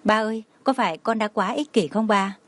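A woman voicing a tender, remorseful young mother who speaks in soft, apologetic tones. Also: medium pitch, brisk, dry recording, lightly acted. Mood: earnest.

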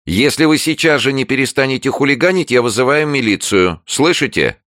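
A man voicing a shrill, frightened old woman neighbor who scolds loudly from behind her door in an audiobook. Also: animated, brisk, dry recording, clean studio sound, lightly acted. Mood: scolding. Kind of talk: audiobook character voice.

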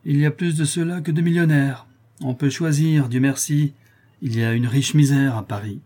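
A man's voice: medium pitch, warm tone, slightly rough, pitched above the performer's own voice, lightly acted. A man reading aloud and voicing a proud aristocratic countess who speaks in an imperious, emotional way.

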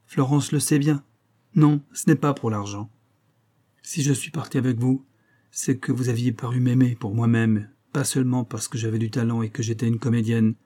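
A man reading an audiobook, voicing a proud, hot-tempered young actress with a sharp, impatient manner. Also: medium pitch, natural voice.

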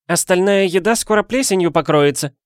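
A man voicing a bossy, loud middle-aged aunt who barks orders in an audiobook. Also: on the low side, brisk, no room sound, studio quality, voice pushed up, close to an everyday voice. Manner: barking, commanding. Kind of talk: audiobook character voice.

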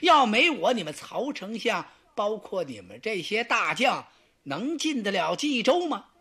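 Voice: mid-range voice, big pitch swings, unhurried, pushed and bright, breathy edge, full character voice. A storyteller voicing a smug, arrogant middle-aged male strategist in a traditional tale, taunting. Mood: boastful. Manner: boastful, taunting.

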